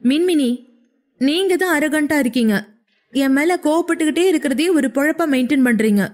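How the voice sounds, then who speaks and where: A woman's voice: sits high, animated, moderate pace, a little mellow. A woman voicing a sulky, childlike young woman who whines and pleads in an audio story. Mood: tearful, pleading. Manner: whiny, pleading.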